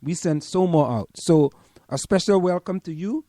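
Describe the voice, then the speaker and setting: A man's voice: high-pitched, moderate pace, dark tone, no echo. A man, a professor co-hosting an online radio show, talking emphatically and repeating words as he thinks aloud. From Trinidad and Tobago. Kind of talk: casual radio chat.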